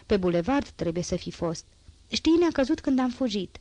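A woman voicing a poor teenage girl with a hoarse, strained voice, chatty and boastful yet anxious, in a dry audiobook reading. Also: mid-range voice, very animated, warm tone, dry recording, natural voice. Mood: eager.

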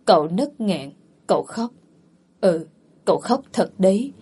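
Husky woman narrating. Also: medium pitch, dark tone. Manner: voices the characters' quoted lines herself with mild emotion. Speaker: storyteller. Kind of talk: dramatic audiobook narration of a family drama. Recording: faint background music.

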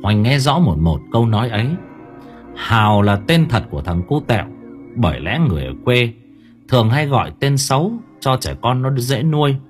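Guy reading a spooky story, really animated voice, soft music underneath. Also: medium pitch, moderate pace. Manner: expressive, suspenseful. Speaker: audiobook narrator. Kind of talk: dramatic horror story narration.

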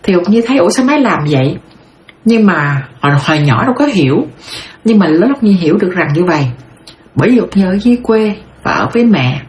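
A woman's voice: mid-range voice, very animated, fast talker, darkish tone. A middle-aged woman from southern Vietnam with a Southern Vietnamese accent. She tells her life story in a rambling, heartfelt way and calls herself by her own name. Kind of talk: personal storytelling monologue. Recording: roomy sound with faint background noise.

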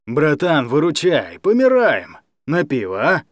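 A man voicing Staryi, a gruff hungover ex-convict. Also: a little high, huge pitch swings, measured pace, no room sound, studio quality. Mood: begging. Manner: rough, whining then threatening. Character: hungover aggressive ex-convict man, pushy drunk.

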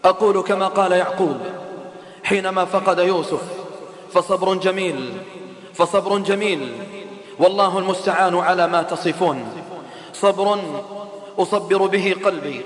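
A man's voice: sits high, fairly even intonation, normal speed. A man preaching an impassioned sermon, calling out rhetorical questions to his listeners. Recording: echoey hall reverb.

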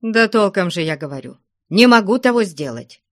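A meek young believer answers in sighs and hushed protests, as a male narrator acts him out. The delivery is slow and sits dry and close to the mic. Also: on the high side, expressive, dry recording. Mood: pleading. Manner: sighing, half-whispered. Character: meek pious young man, timid.

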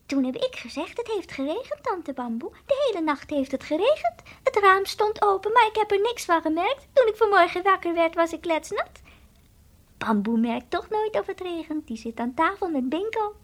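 A woman's voice: expressive, normal speed. A woman voicing a timid, childlike toy dog in an old radio play, earnest and confiding, sometimes whispering. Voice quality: high childlike voice, drops to whispers. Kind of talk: 1960s radio drama acting.

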